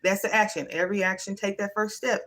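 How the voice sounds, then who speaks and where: A woman's voice: medium pitch, fairly even intonation, fast talker, fairly bright tone. A woman hosting a livestream, giving a casual, emphatic motivational talk in a folksy, everyday way. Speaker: livestream host.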